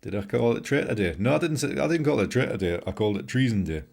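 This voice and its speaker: He talks fast in a medium-pitched, lively voice with vocal fry and a slightly mellow quality. A middle-aged British livestream host with a British English accent, he edits photos in his home studio room, joking and calling out viewers by name, though he sounds a bit tired.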